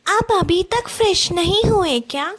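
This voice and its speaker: A very high-pitched lazy young wife from a cartoon, as a woman voices her. She is cheeky and complaining, with quick excuses and a sharp tongue. She talks back, and her words come out unhurried and drawn out. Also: lively intonation, heavily acted. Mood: sassy. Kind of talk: cartoon voice acting.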